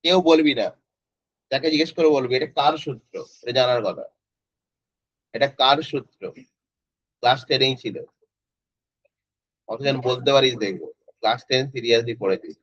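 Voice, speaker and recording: A man's voice: mid-range voice, normal speed, long pauses, a bit bright, dry recording. A male physics tutor, teaching an online class in a casual way and quizzing students by name. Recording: dry, slightly dull lo-fi audio.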